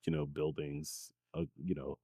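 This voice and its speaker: Guest spot: deep, warm-toned man, born in Haiti, raised in New York, animated and chatty. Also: measured pace, breathy edge, no echo, clean studio sound. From Haiti, raised in New York City. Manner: animated, tags lines with "right?" and "you know?". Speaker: guest, community founder. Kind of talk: casual interview conversation.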